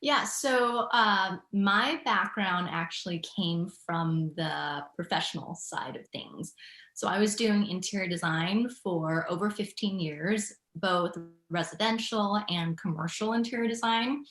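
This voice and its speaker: This is a woman in her forties from Thailand, telling her founder story in a relaxed interview. She speaks reflectively and laughs easily, with a slightly low voice. The room around her sounds echoey. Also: a little slow. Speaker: guest, business founder. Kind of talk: casual interview answers.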